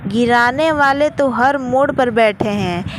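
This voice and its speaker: A woman's voice: on the high side, slow. A woman voicing a weary, resentful young married woman who complains about her in-laws. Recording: noisy with traffic outside.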